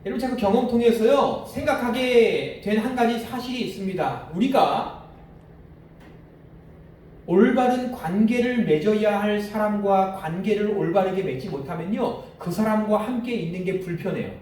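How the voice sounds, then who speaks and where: High-voiced pastor preaching in an echoey hall. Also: male voice, moderate pace, darkish tone, a little hiss or hum. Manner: conversational, asks the congregation questions. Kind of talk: sermon with storytelling. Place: church sanctuary. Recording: echoey church hall, distant mic.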